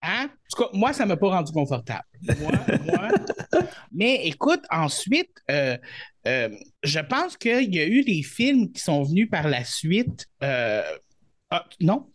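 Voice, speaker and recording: Chatty Québécois man, fairly high voice. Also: big pitch swings, a little slow. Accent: Québécois French. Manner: chatty and hesitant, with many fillers. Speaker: podcast host. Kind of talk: casual chat.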